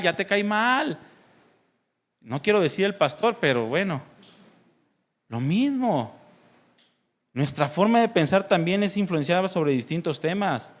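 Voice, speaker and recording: A man's voice: fairly high pitch, a bit bright. A man from Mexico preaching a sermon as pastor, talking conversationally, putting questions to the congregation and playfully imitating other people's voices.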